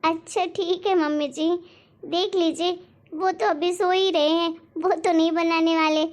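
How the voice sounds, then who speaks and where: A woman voicing a dutiful young daughter-in-law who speaks politely and softly, eager to please, in a cartoon story. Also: very high-pitched, fairly even intonation, unhurried. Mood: earnest. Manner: polite, soft-spoken, anxious to please.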